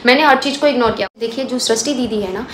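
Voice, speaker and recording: A woman's voice: a little high, fast, a bit bright. A woman homemaker and family vlogger talking earnestly and defensively straight to her viewers in a casual chat. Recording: roomy echo, faint noise.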